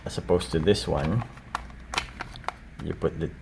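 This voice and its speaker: Steady background noise runs faintly under this casual show-and-tell, where a man shows cassette tapes from his collection. He speaks very slowly in a very low, fry-heavy voice, halting and clearly unscripted.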